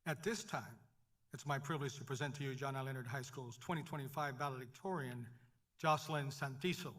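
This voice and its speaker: A man reading a formal ceremony announcement at a podium microphone, listing honors in a measured, formal way. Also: medium pitch, fairly bright tone. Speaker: ceremony presenter.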